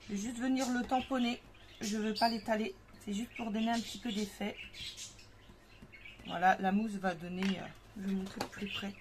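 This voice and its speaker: A woman's voice: medium pitch, fairly even intonation, normal speed. A woman casually demonstrating a craft at home, thinking aloud with lots of fillers. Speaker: craft tutorial host. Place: home craft table with parakeets and kids nearby. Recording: noticeable home background noise with bird chirps.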